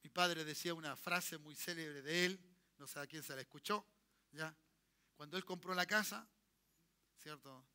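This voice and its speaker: A pastor with a Chilean accent preaches a sermon in church, checking in with his congregation and leading call-and-response, telling them to repeat after him. His voice is a little high, smooth, pushed and bright, at normal speed with frequent pauses.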